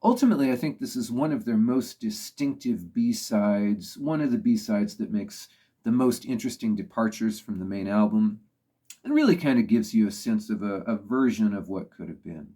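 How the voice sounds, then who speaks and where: A man with a fairly low voice talks casually and thoughtfully about music. He weighs opinions as he speaks and fills pauses with "you know". His tone is soft and dark rather than bright. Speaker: music reviewer. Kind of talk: casual spoken commentary.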